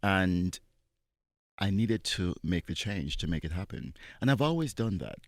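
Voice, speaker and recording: Very low-voiced guy from jamaica, thoughtful chat, dry close sound. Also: very animated, a little slow, no room sound. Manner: earnest, reflective, laughs between thoughts. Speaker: interview guest, dancer and teacher. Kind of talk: conversational interview.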